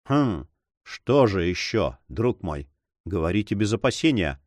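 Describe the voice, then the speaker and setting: Audiobook: an ardent, pleading young hero, read by a male narrator, animated delivery. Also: on the low side, measured pace, dry recording. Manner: fervent and pleading. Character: passionate young man, ardent lover. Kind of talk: audiobook reading.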